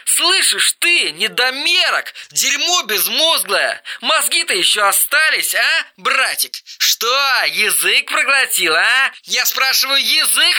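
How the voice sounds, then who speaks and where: A man voicing an unhinged, volatile young man with a hoarse, strangled voice, ranting down a phone line. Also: medium pitch, pushed and bright, exaggerated voice. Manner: erratic, swings from muttering to screaming.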